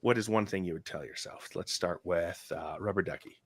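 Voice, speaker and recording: A man's voice: sits low, fairly quick, breathy edge. A man hosting a casual tech chat, asking curious questions and joking now and then. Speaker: podcast host.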